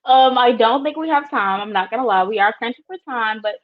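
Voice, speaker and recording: A woman hosting a casual talk show, upbeat and quick to laugh. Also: fairly high pitch. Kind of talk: casual chat. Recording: dull lo-fi audio.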